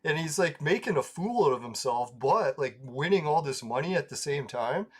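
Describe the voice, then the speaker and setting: A man's voice: a little high, animated, normal speed, slightly rough. A man chatting casually over gameplay, rambling through anecdotes, laughing often and swearing freely. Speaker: gaming video creator.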